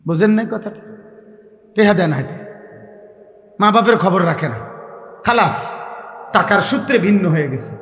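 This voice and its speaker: A man preaching an impassioned sermon, rising to shouts. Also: high-pitched, animated, normal speed, pauses often. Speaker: Islamic preacher. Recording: echoey hall with long reverb.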